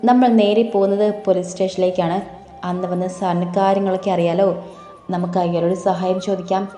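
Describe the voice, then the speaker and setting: A woman voicing a gentle, persuasive husband who calms his frightened wife. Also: high voice, fairly quick, lightly acted. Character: calm, reassuring husband. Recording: echoey room, soft music behind.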